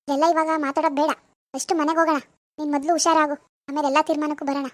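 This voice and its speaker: A woman voicing a bossy, scornful middle-aged mother in an animated village drama. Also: sits high, rapid-fire, dry recording, lightly acted. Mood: soothing. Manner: bossy, contemptuous.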